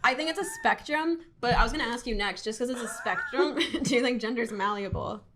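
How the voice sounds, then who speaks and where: A young woman in a casual debate chat, talking fast, laughing often and swearing when riled. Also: a little high, a bit bright, a little hiss or hum. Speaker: guest debating.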